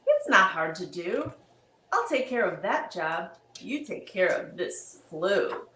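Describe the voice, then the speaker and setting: A woman's voice: fairly low pitch, sing-song, takes it slowly, bright, forceful tone, heavily acted. A woman voicing a confident young girl in a storybook reading, offhand and self-assured. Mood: breezy. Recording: roomy echo.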